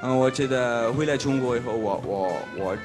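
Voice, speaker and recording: A young male contestant talks into a handheld mic on a studio stage. He is a non-native speaker with a foreign accent in Mandarin, searching for words in a medium-pitched voice over music. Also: moderate pace, big-room sound. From Switzerland. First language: not Chinese. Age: young adult. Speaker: dating show contestant.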